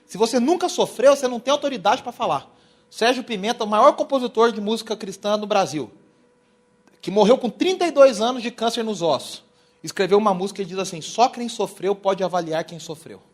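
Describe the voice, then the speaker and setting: A young man from Brazil giving a lively church lecture on worship, telling stories and acting out quotes. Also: sits high, brisk. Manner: animated, storytelling, acts out quotes. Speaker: worship teacher. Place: church hall.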